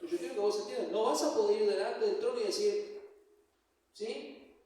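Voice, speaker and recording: A man with an Argentine accent preaches in a loose, joking way, checking in with his listeners at every turn. His voice sits high for a man. It rings through a large church hall and is picked up from far off, with a long, booming reverb. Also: moderate pace, darkish tone. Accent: Argentine Spanish. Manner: conversational, joking, checks in with frequent "¿sí?". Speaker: pastor. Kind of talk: sermon.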